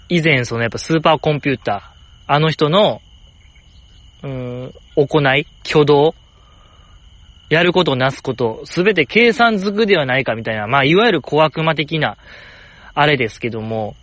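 A man's voice: a bit bright, no room sound. Rambling Kansai man, dry close sound. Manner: rambling, jokey, leaps in pitch for emphasis. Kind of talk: casual solo chat.

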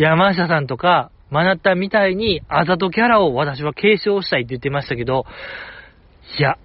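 A man's voice: a little high, dry recording, muffled recording. A man hosting a casual solo podcast, rambling with enthusiasm as he comments like a fan. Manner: enthusiastic rambling fan commentary, soft self-deprecating jokes. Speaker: podcast host.

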